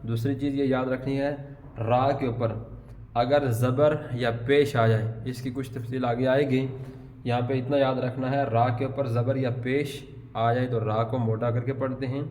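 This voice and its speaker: A man teaching Quran recitation in a patient way, spelling out words slowly, syllable by syllable. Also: medium pitch, level tone, darkish tone. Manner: patient, drawn-out syllable-by-syllable drilling. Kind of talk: tajweed lesson, spelling out words. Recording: long hall reverb.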